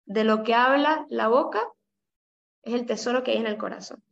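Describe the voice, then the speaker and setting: A woman with a Caribbean Spanish accent teaches a Bible study and explains each point patiently. She keeps checking in with her listeners with short "¿no?" and "¿sí?" questions. Her voice sits fairly high, and the recording sounds dull and lo-fi. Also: normal speed, vocal fry, fairly bright tone. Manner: explanatory, asks listeners with frequent "¿no?" and "¿sí?".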